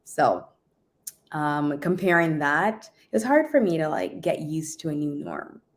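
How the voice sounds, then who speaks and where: A woman from Jamaica, a guest DJ, chatting casually in an interview, relaxed and laughing often, trailing off with ums. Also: sits low, unhurried.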